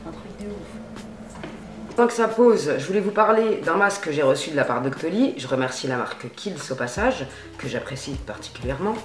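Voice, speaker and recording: A woman's voice: low voice, expressive, normal speed. A woman chats away in loose, slangy street talk as she films herself dyeing her hair at home at night, poking fun at herself as she goes. Her voice carries a roomy echo. Faint music plays behind her. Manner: slangy, chatty, self-mocking. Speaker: beauty vlogger. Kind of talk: casual vlog chat while dyeing her hair.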